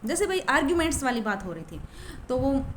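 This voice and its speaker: High-voiced woman chatting about her day. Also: sing-song, a little fast, a little hiss or hum. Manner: chatty, repeats herself, many fillers. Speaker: law of attraction coach. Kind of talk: casual talk to camera.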